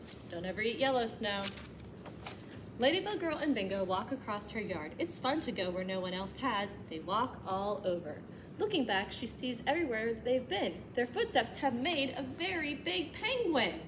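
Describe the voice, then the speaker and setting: With a fairly high voice and moderate pace, a woman leads storytime by reading a picture book with lots of expression. She adds chatty comments meant for little kids, over a noisy background.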